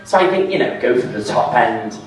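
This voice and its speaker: A man doing a stand-up set, deadpan at times and rising into exasperated rants. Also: medium pitch, fairly quick. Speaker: stand-up comedian. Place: comedy pub venue with audience. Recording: echoey room, voice from far off.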